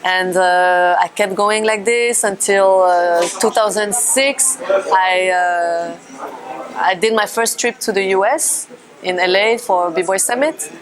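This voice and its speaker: Against background crowd noise, a woman from France in her thirties takes it slowly in a mid-range voice, telling a casual story about her life as a dancer. English is her second language and she has a French accent, speaking hesitantly with many fillers and restarts.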